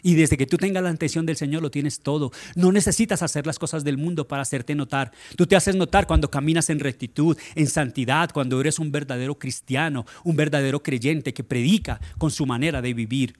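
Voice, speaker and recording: Male pastor, high voice, preaching in church, rhetorical questions, shifts from loud to hushed. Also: brisk, hardly any pauses. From Colombia. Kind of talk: sermon.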